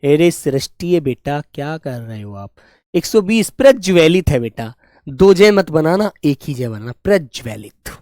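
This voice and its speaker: High-voiced man teaching a Hindi class. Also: sing-song, darkish tone, no echo, studio quality. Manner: affectionate, calls students "beta" and "my children"; repeats and drills words slowly. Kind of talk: live online spelling class.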